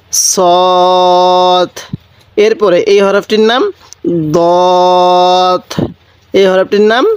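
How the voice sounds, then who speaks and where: A man teaching Quran reading, patiently naming each Arabic letter, drawing out each sound slowly and asking listeners to repeat after him. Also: sits high, no echo. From Bangladesh. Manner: patient, repetitive, prompting listeners to answer; drawn-out, slow letter pronunciations.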